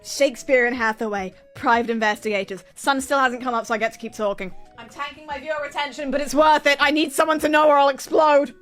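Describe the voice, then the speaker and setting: A woman streamer chattering rapidly and nonstop, retelling a story in an animated, exasperated and dramatic way. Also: high-pitched, faint music behind. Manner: exasperated, incredulous, dramatic retelling with acted-out quotes. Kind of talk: animated rambling storytelling to an audience.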